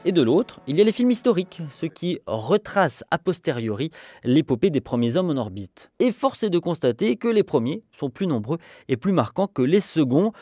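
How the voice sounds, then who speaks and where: A man's voice: a little high, big pitch swings, normal speed, dark tone, no echo. A man giving scripted film-essay narration in a didactic, wryly humorous way.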